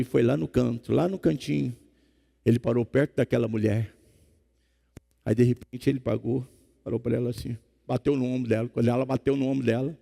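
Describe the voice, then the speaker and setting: A male pastor preaching a sermon, telling a story in a lively way that rises to impassioned shouts. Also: mid-range voice, vocal fry. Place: church. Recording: long church hall reverb.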